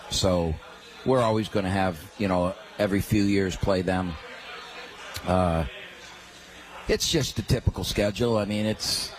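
An older man who coaches basketball, telling stories in a relaxed way with many restarts during a casual radio interview from a pub. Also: lowish voice, rough recording. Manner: relaxed storytelling with frequent restarts.

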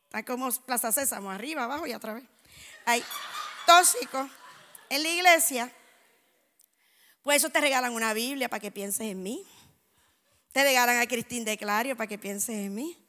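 A woman preaching a sermon, telling lively anecdotes and acting out the dialogue. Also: on the high side, a little fast. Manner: animated storytelling, acts out dialogue. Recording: echoey hall.

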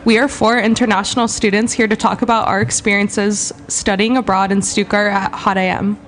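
A woman's voice: mid-range voice, brisk, slight background noise. A woman, hosting a student radio talk show in a casual, chatty way in a studio. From Southern California. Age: 20s. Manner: relaxed, chatty, says "like" often.

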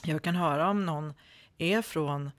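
A man's voice: a little high, fairly bright tone, dry recording. A man speaking standard Swedish, answering interview questions as an author in a hesitant way, with many fillers and restarts. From Sweden. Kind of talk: conversational interview.

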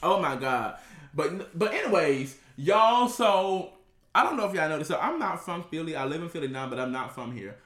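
A man's voice: fairly high pitch, lively intonation, normal speed, fairly bright tone. Man, 30s, from Memphis. Blunt, sassy podcast co-host, roomy echo. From Memphis, USA. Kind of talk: casual chat. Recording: echoey room.

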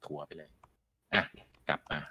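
A man's voice: a little slow, dull audio. A man co-hosting a casual gaming chat, laying out his points step by step. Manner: chatty, explains points in numbered steps. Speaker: podcast co-host.

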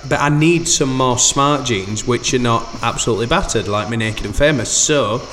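A man's voice: medium pitch, moderate pace, a bit bright, a little hiss or hum. Male podcast host, casual and rambling. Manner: chatty, loose, piles up fillers like "like".

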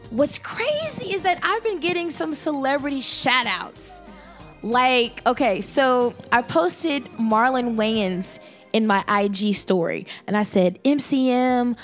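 A young woman hosts a casual podcast chat, her fairly high voice leaping up in pitch whenever she gets excited. She tells her stories in a lively, animated way. Soft music plays faintly behind her. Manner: animated, excitable storytelling with big pitch jumps. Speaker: podcast host.

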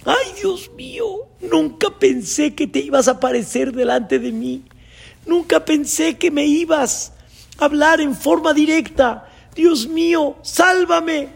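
A man doing a panicked climber, high and pleading. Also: lively intonation, takes it slowly, vocal fry, heavily acted. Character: frightened male mountain climber hanging in darkness.

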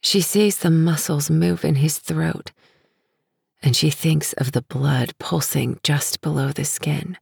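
Woman audiobook narrator, hushed and intimate, very husky, slow, dry close sound. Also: low-pitched, no echo. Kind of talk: scripted narration.

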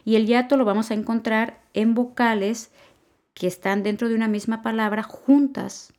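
A woman's voice: fairly high pitch, steady tone, normal speed, darkish tone. A woman giving a podcast grammar lesson, patiently explaining and repeating key points. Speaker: Spanish teacher.

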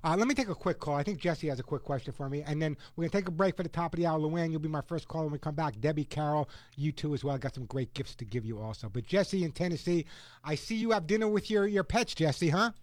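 A man's voice: on the high side, animated, fast talker, dry recording. A man hosting a radio call-in show in a casual, chatty talk style.

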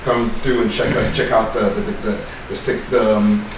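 A man's voice: fairly low pitch, little pitch movement, normal speed. Male podcast host, loose rambling stoner banter, off-mic in a very echoey space. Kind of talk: casual slangy banter. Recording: echoey, noisy room, distant from mic.

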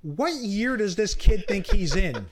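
A man's voice: high voice, very animated, takes it slowly, a little mellow. A man co-hosting a sports podcast, giving blunt opinions on the broadcasts and stumbling over repeated words when worked up. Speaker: podcast co-host. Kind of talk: casual sports chat.

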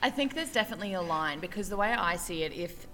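A woman's voice: on the low side, animated, fast talker, pushed and bright. A young woman, co-hosting a podcast in casual, rambling chat and laughing often. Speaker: podcast co-host.

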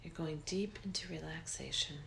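Low, hushed woman guiding meditation, soft whispery. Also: creaky, a little hiss or hum. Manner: slow, soothing delivery with long pauses. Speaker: meditation guide. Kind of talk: guided meditation in a soft, breathy near-whisper.

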